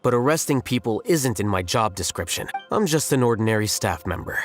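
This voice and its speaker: An actor playing an aloof, cool-headed young scholar in a video game, speaking in a deadpan, articulate and blunt way. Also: male voice, lowish voice, a little fast, lightly acted. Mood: dry, indifferent. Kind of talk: scripted video game acting. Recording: music behind the voice.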